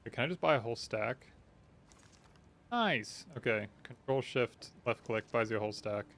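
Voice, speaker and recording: A man's voice: medium pitch, fairly even intonation, fast, creaky, a bit bright. Male game streamer over noisy ambience. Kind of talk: casual livestream gameplay commentary.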